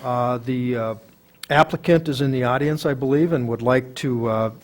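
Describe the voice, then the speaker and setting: Guy reading out council agenda items, lots of uhs, mid-pitch voice. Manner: halting, with many "uh" fillers. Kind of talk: reporting at a council meeting. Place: council chamber.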